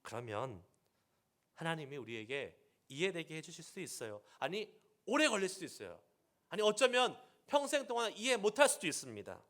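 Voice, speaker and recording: A male pastor preaching a sermon, acting out quoted speech with dramatic shifts between loud and soft. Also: on the high side, very animated, brisk. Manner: dynamic preaching, voicing God's words in dramatic quotes.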